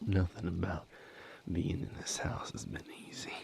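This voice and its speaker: In an intimate audio roleplay from a vampire romance, a man acts an anguished, weary lover who both comforts and seeks comfort. He speaks in a low, breathy, gravelly whisper with a level tone, halting and hushed, his fraught delivery broken by long pauses.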